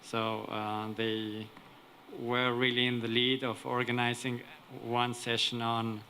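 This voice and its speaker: Slow, bright-voiced man in a meeting. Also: medium pitch, monotone, a little hiss or hum. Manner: deliberate, searching for phrasing. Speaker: conference participant, event organizer. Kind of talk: unscripted remarks in a meeting.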